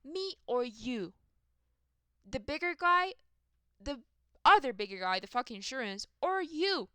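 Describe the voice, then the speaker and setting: Bright, crisp-voiced woman ranting profanely. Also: high voice, sing-song, unhurried, no echo. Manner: profane, rambling, self-mocking. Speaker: vlogger. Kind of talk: casual rant.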